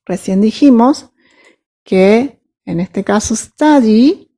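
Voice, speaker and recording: A woman walks students through English grammar in an unhurried lesson. Her voice is mellow and rounded, and she pauses often to ask whether everyone follows. She reads her English examples out slowly and carefully. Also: fairly high pitch, lively intonation. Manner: patient, checks understanding with frequent "¿sí?" and "¿mm?". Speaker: English teacher.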